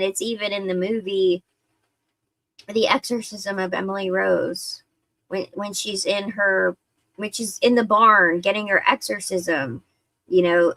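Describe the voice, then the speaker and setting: Woman streamer, slow rambling delivery, some vocal fry, dry close sound. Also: medium pitch, a bit bright, no echo. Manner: rambling, conversational, with many fillers. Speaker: livestream host. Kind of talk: casual livestream chat.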